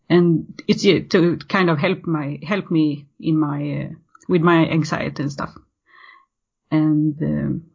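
A woman's voice: on the low side, gravelly, husky. A Swedish woman in her thirties with a Swedish accent, a podcast guest talking in a casual interview, hesitant, with many fillers and restarts. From Sweden. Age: 30s. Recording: muffled lo-fi audio.

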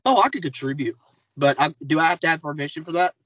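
Angry sarcastic man, higher voice. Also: expressive, fast, a bit bright, dry recording, highs cut off. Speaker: podcast regular. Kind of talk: casual podcast chat.

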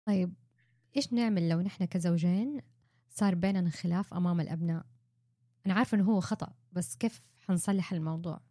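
A woman hosting an interview, asking clear, structured questions with examples. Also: fairly low pitch, fast, mellow, dry recording, clean studio sound. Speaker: podcast host.

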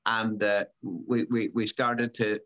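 A man in his seventies, a former rally driver, talking in a casual interview, halting and repeating words with many fillers. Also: lowish voice, flat delivery. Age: 70s. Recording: dull lo-fi recording.

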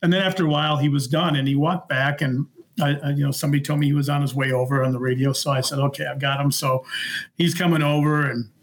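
A middle-aged Minnesotan man with an American Midwestern accent, once a concert security worker, tells anecdotes as a podcast guest, rambling good-humouredly and acting out reported dialogue. His voice is on the high side with fairly even intonation and a quick pace. The audio is poor, with slight background noise.

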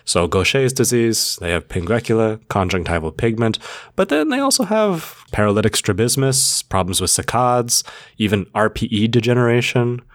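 Low-voiced man explaining with playful mnemonics. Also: lively intonation, normal speed, dry recording, clean studio sound. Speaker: podcast co-host. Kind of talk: casual educational chat.

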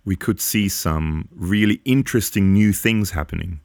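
Deep-voiced man in his forties, rambling. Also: moderate pace, vocal fry, no room sound, studio quality. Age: 40s. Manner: earnest, long rambling opinions. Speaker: podcast co-host. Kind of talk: casual podcast chat.

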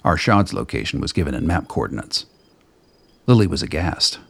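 A man reads scripted dramatic narration for a radio play in a measured, literary storytelling style. His gravelly, husky voice rumbles low yet has a fairly bright tone and is very animated.

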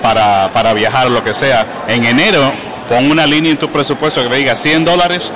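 A man, a guest calmly explaining his ideas in an interview. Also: medium pitch, normal speed, background noise. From Puerto Rico.

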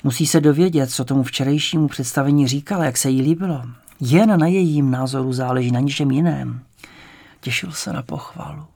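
A man reading a story aloud as an audiobook narrator, in a calm storytelling manner. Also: medium pitch, vocal fry. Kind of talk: scripted narration.

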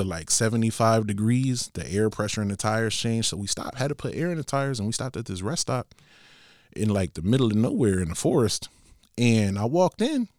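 A young man from Connecticut telling a casual travel story in a relaxed, slangy, animated way. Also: on the low side, no echo, studio quality. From Bridgeport, Connecticut.

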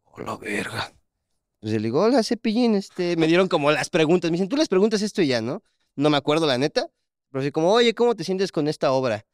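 A young Mexican man, slightly high and smooth-voiced, chatting casually as a podcast co-host. He tells his anecdotes animatedly and acts out what other people said. The sound is close and dry. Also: fast talker, dry recording. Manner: animated storytelling, acts out quotes. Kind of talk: casual chat.

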